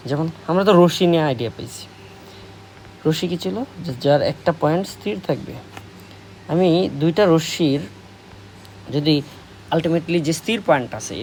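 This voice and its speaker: Bangladeshi man teaching, slow and repetitive. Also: fairly high pitch, darkish tone, a little hiss or hum. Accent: Bangladeshi Bengali. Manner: slow, repetitive, asks questions and answers them. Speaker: math tutor. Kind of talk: classroom lesson explaining at a board.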